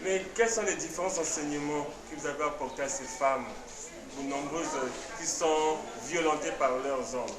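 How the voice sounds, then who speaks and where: A man with a fairly high voice asks measured questions, pausing on hesitant fillers. He sounds distant from the mic, with noticeable room echo. A loud crowd chatters behind him. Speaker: interviewer. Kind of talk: interview questions. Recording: echoey, from off-mic.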